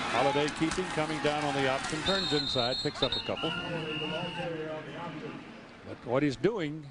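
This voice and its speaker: A man doing college football play-by-play, calling each play briskly from a stadium broadcast booth. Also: medium pitch. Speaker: play-by-play announcer. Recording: loud noise under an old broadcast.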